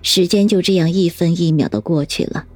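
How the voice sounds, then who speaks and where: A woman narrating a suspense story audiobook in an even, measured way. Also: fairly low pitch, slightly rough, dry recording, faint music behind.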